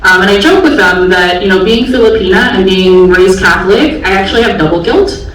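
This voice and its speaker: On a large auditorium stage, a Bay Area special education teacher in her forties candidly tells an audience her own story, using many fillers. Her mid-range voice is fairly quick and fairly bright, picked up from far off in an echoey hall with faint noise.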